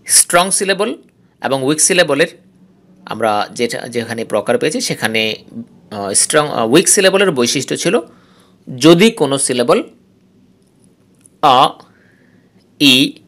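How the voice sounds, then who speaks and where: A male English teacher from Bangladesh giving a recorded phonetics lesson. He explains slowly, repeats key terms and reads English rules aloud. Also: mid-range voice, sing-song, a bit bright.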